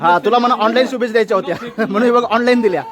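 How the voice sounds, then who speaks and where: High-voiced chatty man vlogging outdoors. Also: racing. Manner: chatty, exclaiming, greeting passers-by. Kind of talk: casual walking vlog commentary. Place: outdoor city street at a festival. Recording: loud street crowd behind.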